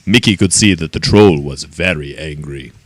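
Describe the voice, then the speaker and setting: A man reading a children's story aloud in an expressive, animated way. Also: extremely low pitch, moderate pace, no echo.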